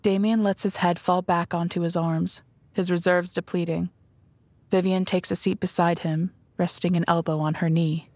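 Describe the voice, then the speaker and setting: A woman narrating an audio drama in a measured, descriptive storytelling manner. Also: lowish voice, little pitch movement, a little mellow, dry recording. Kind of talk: scripted narration.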